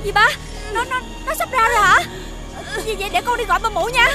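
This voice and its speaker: A woman's voice: very high-pitched, racing, over loud music. A woman voicing a panicky young village girl in a cartoon, crying out. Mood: panicked. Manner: panicky, breathless cries. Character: frantic young village girl helping at a birth.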